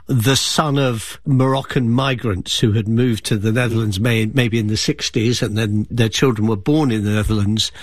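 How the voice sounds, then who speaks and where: A man presenting radio news and interviewing a guest, measured, clear and conversational. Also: on the low side, fairly even intonation, no echo.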